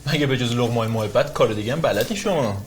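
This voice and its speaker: A man's voice: mid-range voice, noisy background, natural voice. An actor playing a resentful young adult son in a film drama, bitter and accusatory toward his mother.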